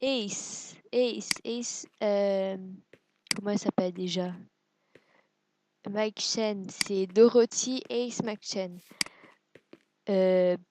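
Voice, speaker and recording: A woman's voice: mid-range voice, drawn-out words, pauses often, background noise. A woman giving casual gameplay commentary, hesitant and self-deprecating, musing aloud with lots of fillers. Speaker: let's play gamer.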